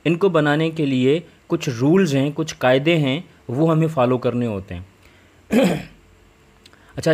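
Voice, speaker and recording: A man teaching English grammar in a patient, explanatory way, repeating each point and checking that students follow. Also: medium pitch.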